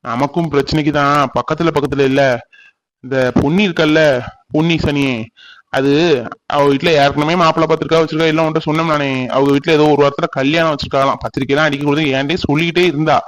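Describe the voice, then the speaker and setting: A brooding, heartbroken young villager, voiced by a man,. His cartoon voice sits fairly high and comes out mournful, pleading and slow with tears. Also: little pitch movement, close to an everyday voice, poor audio. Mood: troubled. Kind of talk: cartoon voice acting.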